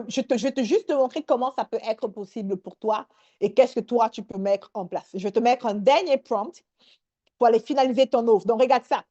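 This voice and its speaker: A woman leading a live online workshop, energetic and sprinkling English words into her talk. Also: on the high side, muffled recording.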